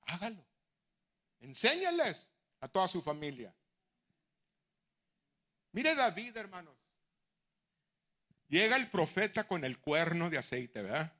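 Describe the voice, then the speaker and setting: A middle-aged man preaching a sermon in a fairly high, bright, forceful voice. His pitch swings widely, and he moves from hushed asides to loud, driving appeals. Now and then he slips English phrases into his preaching. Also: takes it slowly, pauses often. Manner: animated, swings from near-whispers to shouted exhortation. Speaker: bishop and preacher.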